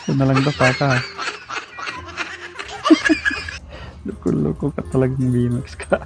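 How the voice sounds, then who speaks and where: A man's voice: mid-range voice, fairly even intonation, brisk, vocal fry, very noisy. A man narrating a funny pet video, chuckling and teasing the animals. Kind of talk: comic voice-over. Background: music.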